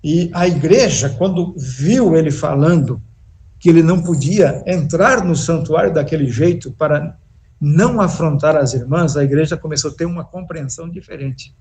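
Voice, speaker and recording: A male pastor preaching a sermon in a church, slow and emphatic, with pauses and restarts. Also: on the high side, a little mellow. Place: church sanctuary.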